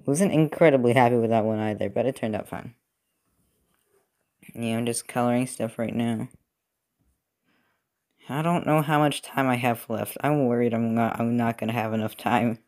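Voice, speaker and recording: A young man talks casually in a mid-pitched voice while he works. He rambles, with many fillers and restarts. His pitch sits neither high nor low. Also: fairly even intonation, normal speed, long pauses, darkish tone. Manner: rambling, filler-heavy, self-correcting. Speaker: robot-building video creator. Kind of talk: casual commentary while working. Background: TV football game.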